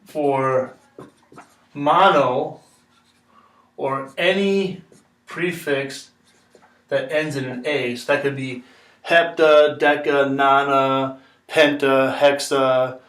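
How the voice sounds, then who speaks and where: A man's voice: mid-range voice, fairly even intonation, drawn-out words, long pauses, fairly bright tone. Male teacher, patient step-by-step explainer; echoey classroom, distant mic. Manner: patient, repeats steps, checks in with "okay?". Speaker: chemistry teacher. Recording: echoey room, mic far off.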